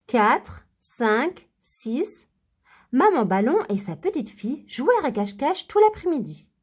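Animated woman reading a children's story. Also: high-pitched, a little slow, slightly rough. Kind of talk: children's story read aloud.

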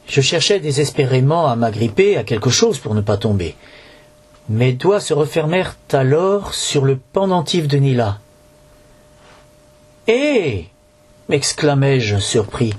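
A man's voice: mid-range voice, a little mellow, slightly rough. A man reading a storybook aloud in French, narrating with occasional slips and restarts.

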